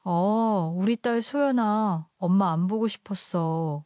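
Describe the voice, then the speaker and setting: A woman's voice: medium pitch, takes it slowly, warm tone, dry recording, clean studio sound, close to an everyday voice. A woman voicing a desperate, self-pitying young wife who pleads and clings in a storybook narration. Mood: cloying.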